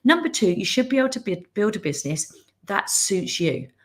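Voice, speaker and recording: A woman's voice: medium pitch, sing-song, fairly quick. A middle-aged woman, a business mentor hosting her weekly live, talking in a chatty, upbeat way that often breaks off into asides. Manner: chatty, upbeat, self-interrupting. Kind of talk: casual live stream chat.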